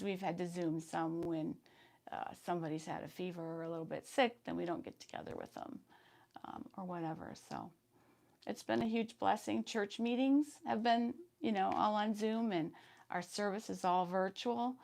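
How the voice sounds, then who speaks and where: Hosting her sewing live stream, this woman in her fifties reads viewer comments and chats in a relaxed way, though her voice is hoarse today. She speaks at a normal speed in a mid-range, slightly mellow voice.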